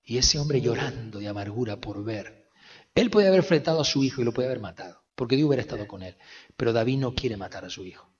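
A man preaching a sermon, swinging between loud, intense exclamations and hushed, whispered passages. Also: mid-range voice, lively intonation, quick pace, highs cut off. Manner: dramatic swings from shouting to whispering.

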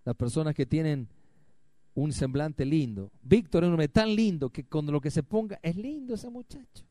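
Emphatic pastor preaching, dry sound. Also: male voice, fairly high pitch, normal speed, dark tone, no echo. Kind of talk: sermon. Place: church.

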